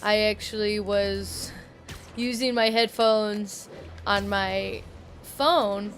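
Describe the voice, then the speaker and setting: A woman's voice: mid-range voice, steady tone, drawn-out words, faint music behind. A woman streamer giving casual gameplay commentary, rambling with many fillers and self-corrections, sometimes drifting away from the mic. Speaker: gaming streamer. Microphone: headset or desk mic, at times far from it.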